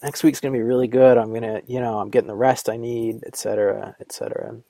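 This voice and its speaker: His medium-pitched voice is gravelly and mellow, fast and flat in delivery, with no room sound. He's a podcast host in Vermont recovering from a cold, talking alone in a rambling, sarcastic monologue loaded with fillers.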